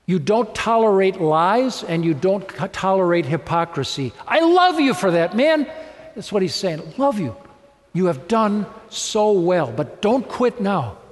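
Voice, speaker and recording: Man preaching a playful sermon in a reverberant hall. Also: a little high. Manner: conversational, playful, rhetorical questions. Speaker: pastor.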